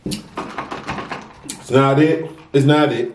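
Very slowly and in a mid-range voice with fairly even intonation, a young adult American man eats on camera for his mukbang and casually lectures viewers, stressing points and repeating phrases. The audio carries roomy echo and a little background noise.

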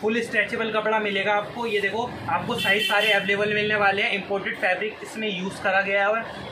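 A man, giving an eager, repetitive teleshopping-style sales pitch to camera. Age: 20s. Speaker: clothing shop presenter. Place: small indoor clothing shop. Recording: clear background noise, shop ambience.

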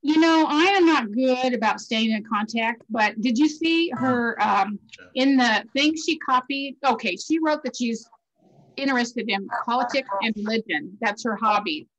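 A chatty woman in her sixties speaks over a video call with a slightly high voice. She tells family stories freely and keeps talking without pause. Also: animated, fairly bright tone, dull audio. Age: 60s. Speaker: class reunion attendee. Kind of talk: casual video call chat.

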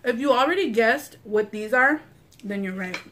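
A woman's voice: on the high side, lively intonation, moderate pace, a bit bright, a little hiss or hum. Young woman chatting casually over food. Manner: informal, slangy, swearing. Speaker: mukbang host. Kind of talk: casual chat to camera while eating. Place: small furnished living room, indoors.

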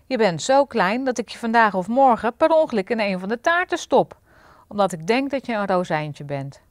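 A woman's voice: medium pitch, very animated, normal speed, no room sound, clean studio sound, natural voice. A woman voicing a big, proud male master baker in a storybook reading. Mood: teasing.

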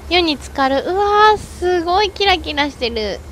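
A woman streaming a game with excitable let's-play commentary, shrieking and chatting with self-mocking asides. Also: very high-pitched, moderate pace, slight background noise.

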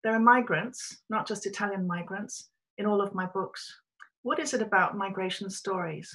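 A middle-aged writer from Australia sits in a small room and delivers a prepared talk to her webcam, storytelling in a measured and reflective manner. Her mid-range voice is a bit bright.

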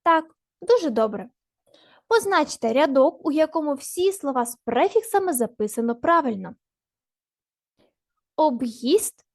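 With a high-pitched voice, a female teacher records a grammar lesson for kids, deliberately spelling out the pieces of every word at a slow pace. The audio is clean studio sound with no echo.

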